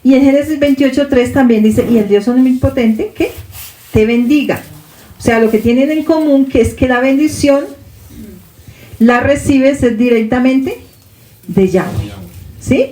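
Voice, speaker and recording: A woman's voice: high-pitched, measured pace, pauses often, mellow. Woman teaching scripture, echoey room. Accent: Colombian Spanish. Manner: checks in with listeners by asking questions. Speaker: Bible teacher. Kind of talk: congregational Bible teaching.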